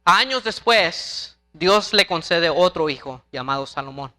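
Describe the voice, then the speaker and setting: A man's voice: fairly high pitch, measured pace, pushed and bright. A man preaching a sermon in an impassioned way, often asking "right?" and repeating words as he goes. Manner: impassioned, tags lines with "¿verdad?".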